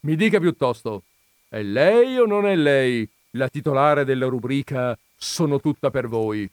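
A man's voice: mid-range voice, animated, a little slow, clean tone, no echo, clean studio sound, voice pushed up, natural voice. A man doing a stubborn, insistent visitor. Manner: phlegmatic yet emphatic, pressing questions. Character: calm, stubborn male visitor, insistent and smug. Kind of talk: audiobook reading of a comic story.

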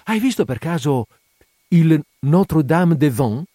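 Wary young tavern girl, guarded and hesitant, high voice, done by a male storyteller. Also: animated, a little slow, dry recording, clean studio sound. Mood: anxious. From from Perpignan (figure). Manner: hesitant, quiet, guarded questioning.

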